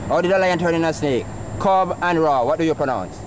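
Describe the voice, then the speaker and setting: A man's voice: fairly high pitch, fairly quick. A man with a Jamaican accent philosophizing informally, teaching by quizzing his listeners with rhetorical questions. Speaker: Rastafarian farmer. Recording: noisy outdoor recording with traffic.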